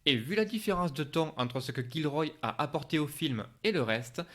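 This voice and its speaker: A man's voice: a little high, lively intonation, normal speed, fairly bright tone. A man reading a scripted film review as a voice-over narration.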